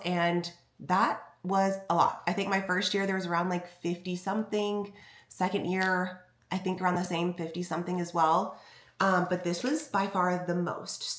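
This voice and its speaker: A woman's voice: fairly low pitch, fairly bright tone. A young woman with a congested, stuffy voice, talking through a casual vlog recap. Her delivery is chatty, and "like" keeps popping up in her speech. The room around her rings with echo. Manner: chatty, frequent "like" fillers. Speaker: bikini fitness competitor and vlogger. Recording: echoey room.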